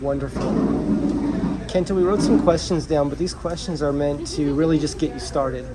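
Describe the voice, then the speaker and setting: A man's voice: a little high, steady tone, normal speed, heavy background noise. A man interviewing a young artist, encouraging him and asking follow-up questions. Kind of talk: casual interview.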